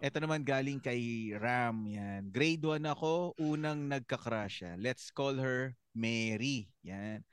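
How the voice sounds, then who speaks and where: Smooth, slow-talking Filipino man. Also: mid-range voice, no echo, clean studio sound. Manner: reads comments aloud, jokey and laughing. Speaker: podcast co-host. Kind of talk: casual chat reading listener comments.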